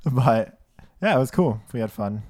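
A man's voice: mid-range voice, animated, takes it slowly, darkish tone, dry recording, clean studio sound. A laid-back young man chatting on a podcast in an apartment, laughing between lines. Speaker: podcast co-host. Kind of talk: casual chat. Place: apartment living room.

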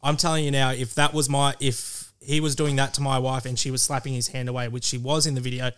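Male podcast panellist, Australian accent, medium pitch, blunt and opinionated, conversational. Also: level tone, fast, fairly bright tone, smooth. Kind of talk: casual opinionated chat.

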